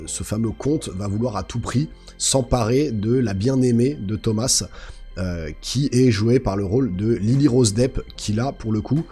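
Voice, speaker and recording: A man with a hoarse, guttural, slightly sick-sounding voice, giving a casual, enthusiastic film review as a channel host. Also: fairly low pitch, dark tone.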